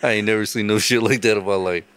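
A man hosting a podcast in casual chat, telling stories full of swearing and jumping up to a higher voice to act out the people in them. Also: fast, slight background noise. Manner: animated storytelling, swears a lot, acts out quoted people in a much higher voice. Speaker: podcast host.

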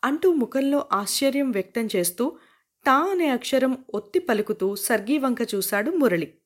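A woman reads a novel aloud as an audiobook narrator. Her voice sits a little high, and she tells the story in a lively, storytelling way. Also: normal speed.

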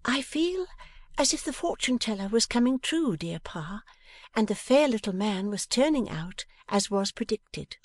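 A reader voicing an affectionate, playful young daughter in a high, coaxing, half-whispered tone. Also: expressive, normal speed, dry recording. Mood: teasing. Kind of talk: audiobook character voice.

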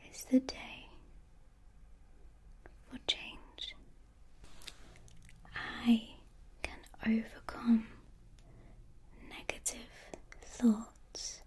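A woman doing ASMR, whispering slow, repeated affirmations into a close microphone. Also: a little high, husky. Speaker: ASMR creator.

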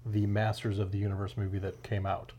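A man co-hosting a podcast, trading dry, deadpan jokes in casual banter. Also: fairly low pitch, a little fast, husky. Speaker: podcast co-host.

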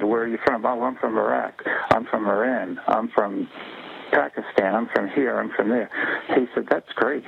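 A man making an emergency call, hesitantly recounting what he heard. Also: on the low side. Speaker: 911 caller. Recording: gravelly tinny phone call with hiss.

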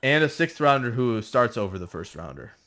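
A man's voice: mid-range voice, very animated, brisk, sharp tone. A man co-hosting a casual football mock draft chat, teasing and giving laid-back analysis.

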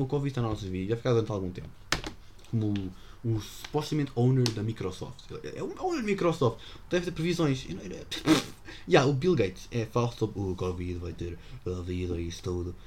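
A teenage podcast host with a European Portuguese accent rambles jokily through a casual solo monologue, sprinkling in English slang. His voice is medium-pitched and a little mellow, with slight background noise.

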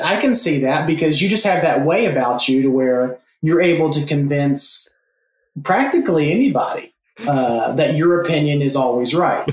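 A man's voice: fairly high pitch, breathy edge, low-quality recording. A man in his thirties hosting a podcast in a casual, conversational and earnest way. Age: 30s. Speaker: podcast host.

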